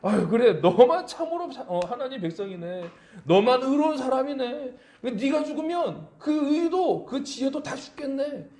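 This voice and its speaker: A man's voice: extremely high pitch, very animated, moderate pace, darkish tone, voice pushed up, full character voice. A preacher voicing a sneering, sarcastic old man. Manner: mocking, sneering retorts. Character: aggrieved sarcastic ancient man answering his friends. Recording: echoey church room.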